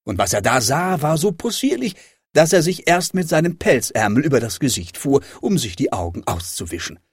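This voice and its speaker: A man reading a children's fairy tale aloud with expressive, dramatic delivery. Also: medium pitch, moderate pace, breathy edge, no echo, studio quality. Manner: lively, dramatic rises and falls. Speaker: storyteller.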